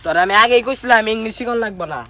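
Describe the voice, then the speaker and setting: An actor playing a teasing classmate in a comedy skit, mocking in a told-you-so way. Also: male voice, high voice, racing, crowd noise, close to an everyday voice.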